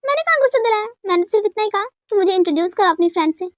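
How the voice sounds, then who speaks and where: A woman's voice: very high-pitched, expressive, rapid-fire, dry recording, studio quality. A woman voicing a young husband who keeps apologising and coaxing his angry wife, in a dubbed fan story. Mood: pleading. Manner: coaxing, soft begging. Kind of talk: dubbed fan story, all voices by one reader.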